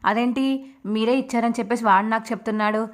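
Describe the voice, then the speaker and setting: A woman's voice: on the high side, fairly even intonation, fast talker, pitched above the performer's own voice, lightly acted. A woman voicing a blunt, sly young husband in a retold TV serial, speaking plainly with light sarcasm. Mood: fake polite.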